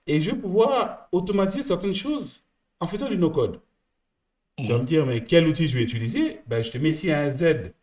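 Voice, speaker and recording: A French-accented man coaching one listener, explaining step by step at a whiteboard with many restarts. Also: high voice.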